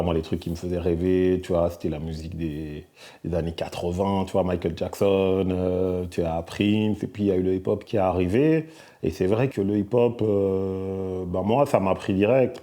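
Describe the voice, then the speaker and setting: A middle-aged man from Belgium speaks in a low, very dark and mellow voice. He answers questions softly and hesitantly, with frequent fillers and restarts. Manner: soft-spoken, hesitant with many fillers. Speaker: musician guest. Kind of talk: casual interview answers.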